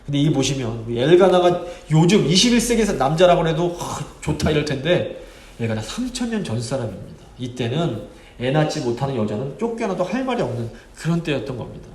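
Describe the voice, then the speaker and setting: A man preaching a Sunday sermon as pastor, earnest and slowing down when he quotes scripture. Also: on the high side, sing-song, a little mellow. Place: church sanctuary. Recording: echoey church sanctuary.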